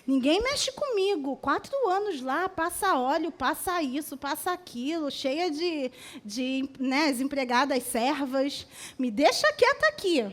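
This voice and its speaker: A woman pastor from Brazil preaching a sermon to a women's congregation, acting out quoted voices in an animated way. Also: high voice, unhurried.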